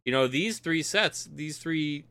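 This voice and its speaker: Male podcast co-host, enthusiastic talker, crisp and clear tone. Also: a little high, animated, measured pace, pushed and bright. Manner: chatty, laughs easily, enthusiastic. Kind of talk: casual card game podcast chat.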